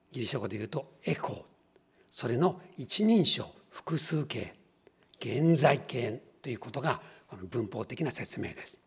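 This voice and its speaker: A man's voice: mid-range voice, husky. A man preaching a sermon as pastor, teaching in a questioning way and acting out small everyday scenes. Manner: teacherly, poses questions to the congregation; acts out little everyday scenes in different voices.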